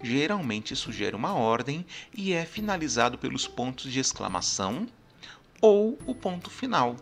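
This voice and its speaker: A man's voice: medium pitch, very animated, moderate pace, creaky. A man teaching a grammar lesson, explaining step by step and often checking in with his listeners. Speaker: language teacher.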